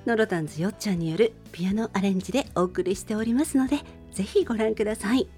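A middle-aged woman presenting a radio show introduces a song over music, addressing listeners in a polite, conversational monologue. Her medium-pitched voice is fast with a darkish tone.

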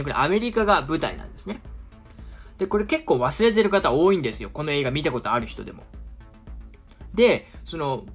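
A man's voice: on the high side, slightly rough. A man talking casually to viewers as a film commentator, chatty and full of easygoing asides. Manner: chatty, often drawn-out asides and filler words. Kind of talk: casual explanatory talk to viewers.

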